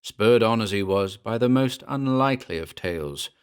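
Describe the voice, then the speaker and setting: Presenting and narrating classic horror fiction, a man speaks in a fairly low, resonant voice that is clear and animated. His scripted delivery is measured and formal, with deliberate phrasing that suits an old literary tale.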